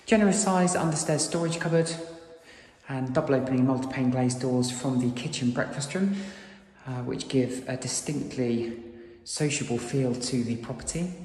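Gushing British estate agent, echoey rooms. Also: male voice, mid-range voice, normal speed, darkish tone. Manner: gushing sales patter in estate-agent phrasing. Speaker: estate agent presenting a house tour. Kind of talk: property tour narration. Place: inside and outside an empty new-build house.

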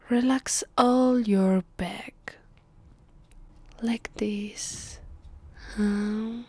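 Whispering close to the mic, an Italian-accented ASMR actress voices a possessive, haughty vampire mistress commanding her captive with condescension, in a slow, full character voice. Her pitch sits a little high with a breathy edge, the mood is soothing yet commanding, and the recording is dry.

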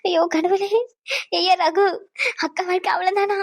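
A woman's voice: extremely high pitch, fast, a bit bright, no room sound. A woman voicing an older mother-in-law in a cartoon family drama, wailing and accusing.

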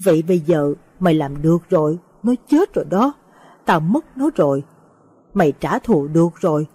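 A woman's voice: deep voice, lively intonation, normal speed, warm tone, breathy edge, dry recording, clean studio sound. A woman voicing a grieving old village ritual master in an audio story, bitter and choked with sorrow.

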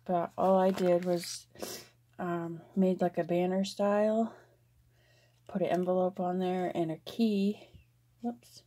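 Slow, low-voiced crafting woman. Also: flat delivery, warm tone. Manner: rambling, many fillers and restarts. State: out of breath. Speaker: craft vlogger. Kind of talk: casual crafting chat.

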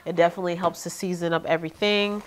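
Speaking fast in a voice on the low side, this young woman has a nasal, congested sound. She's a vlogger doing a casual haul video chat in her living room, talking straight to her viewers about her shopping in a chatty, animated way.

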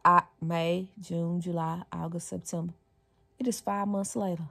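A woman's voice: fairly low pitch, little pitch movement, a little slow, creaky, a bit bright. Woman venting in her car. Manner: frustrated, venting straight to camera. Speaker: vlogger. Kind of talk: casual vlog talk. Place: parked car, dark at first then daylight. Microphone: phone camera on the dashboard.

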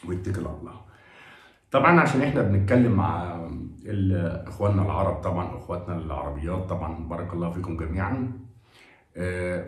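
A man's voice: sits low, darkish tone. A man with an Egyptian Arabic accent giving chatty advice to his viewers, pleading with them and adding blessings as he talks. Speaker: vlogger giving job advice. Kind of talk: casual advice talk to camera. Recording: echoey room.

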